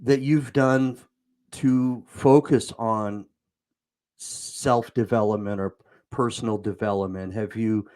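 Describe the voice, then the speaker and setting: A man's voice: on the low side, steady tone, slow pace, warm tone. A man hosting an interview show, asking questions in a rambling, hesitant way with many fillers. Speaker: show host. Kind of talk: casual interview talk.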